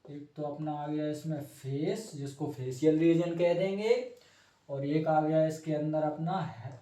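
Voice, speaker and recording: A man's voice: a little high, fairly even intonation, unhurried, dark tone, far from the mic. Playful Hindi-speaking man teaching in an echoey room. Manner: playful, self-mocking, chatty. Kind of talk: joking informal class, drawing on a board.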